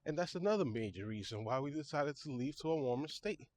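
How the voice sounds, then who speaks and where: A man's voice: mid-range voice, animated, fast talker, a little mellow, slight background noise. A young man, talking casually and a little out of breath while walking through a park, repeating and correcting himself as he goes. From New York City. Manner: chatty, self-correcting, repeats phrases. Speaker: vlogger, registered nurse. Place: outdoor park.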